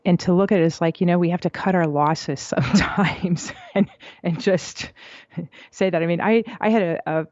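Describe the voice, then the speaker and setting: A woman's voice: on the low side, normal speed, dry recording, dull audio. A middle-aged woman, a psychologist who is a guest on a podcast, telling a parenting story and acting out the quotes. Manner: animated storyteller, acts out quotes. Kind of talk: conversational interview storytelling.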